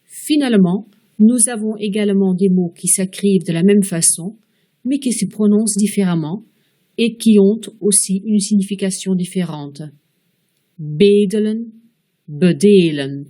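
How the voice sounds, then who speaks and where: A woman teaching a pronunciation lesson, explaining rules step by step and slowing down to model each example word. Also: medium pitch, warm tone. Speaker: language teacher. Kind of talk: slow, careful pronunciation lesson.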